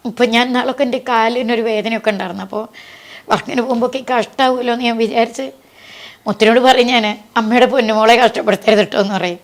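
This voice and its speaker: A woman being interviewed, telling a personal story in an earnest, tender way that sinks soft at the saddest points. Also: on the high side, fairly even intonation, fast. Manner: earnest and tender, voice sinking soft at sad moments.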